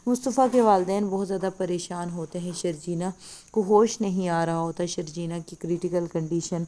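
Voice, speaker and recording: Woman drama reviewer, lowish mellow voice, recaps plot off the cuff with lots of pauses. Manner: unscripted retelling with frequent hesitations. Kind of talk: retelling a TV drama episode.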